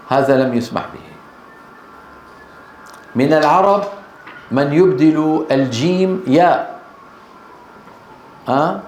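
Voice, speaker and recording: Male lecturer, fairly high voice, animated, quizzing the class, roomy echo. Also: slight background noise. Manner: animated, checks listeners with rhetorical questions. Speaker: Quran recitation teacher. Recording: echoey room.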